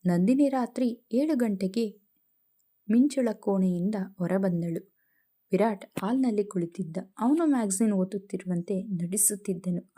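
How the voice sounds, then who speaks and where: Woman storyteller, mellow warm voice, steady scripted narration. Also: medium pitch.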